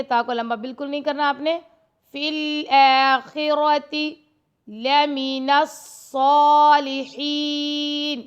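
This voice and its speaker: A high-pitched woman gives a Quran recitation lesson on a dull, lo-fi recording. She runs through the rules quickly and then recites each verse slowly and drawn out. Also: a bit bright, clean tone.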